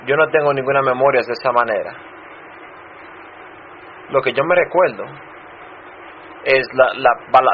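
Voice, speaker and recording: A man who grew up in Chicago and serves as a pastor, giving a personal testimony in a sermon, halting and restarting often. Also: mid-range voice. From Chicago, United States. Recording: dull muffled sound with faint noise.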